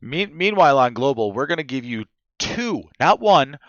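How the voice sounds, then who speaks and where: A man's voice: medium pitch, sing-song, moderate pace, no echo, muffled recording. Profane ranting male podcast host. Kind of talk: casual podcast chat.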